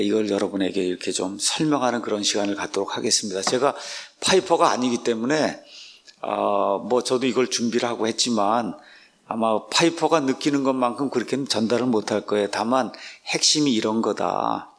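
A man, a pastor and Bible translator, teaching a book study series in an unhurried way with many drawn-out filler sounds. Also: on the low side, gravelly.

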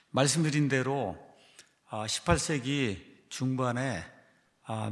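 A man's voice: fairly low pitch, creaky. A male pastor giving a church history lecture, explaining step by step with frequent fillers and rhetorical questions. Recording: long hall reverb.

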